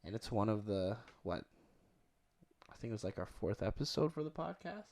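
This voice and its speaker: A man co-hosting a movie podcast, talking loosely and haltingly with lots of fillers. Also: fairly low pitch, sing-song, vocal fry, a little mellow. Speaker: podcast co-host. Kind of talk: casual movie review chat.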